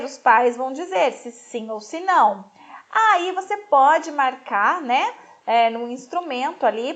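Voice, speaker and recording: A woman with a Brazilian Portuguese accent giving a didactic lecture, often checking in with tag questions and stressing key points. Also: sits high. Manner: didactic, frequent tag questions, lively emphasis. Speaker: lecturer in maternal mental health. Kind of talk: explanatory lecture on infant development.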